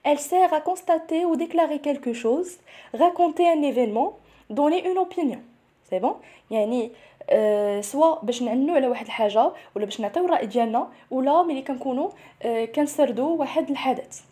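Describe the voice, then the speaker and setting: A young woman with a Moroccan accent prepares students for nursing school entrance exams with a grammar lesson, switching between French and Moroccan Arabic. She explains each point step by step and keeps checking in with "c'est bon?" to make sure it's clear. Her voice is high-pitched and warm, and she speaks at a racing pace.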